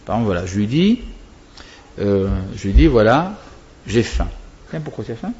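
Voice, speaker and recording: A man's voice: medium pitch, very animated, a little fast, a little mellow, lo-fi sound. A male religious teacher explaining prayer to students, wandering off topic and answering his own questions.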